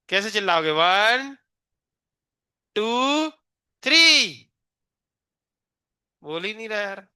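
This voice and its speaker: Bright-voiced teasing male physics teacher. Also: sits high, smooth, no echo, studio quality. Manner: teasing, coaxing a shy student, counting aloud. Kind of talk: live classroom lecture.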